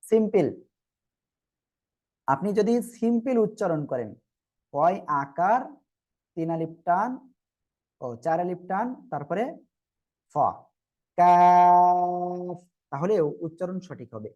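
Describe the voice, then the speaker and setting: A Quran teacher leading an online group class, patiently sounding out letters slowly and asking everyone to repeat together. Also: medium pitch, lively intonation, darkish tone, lo-fi sound.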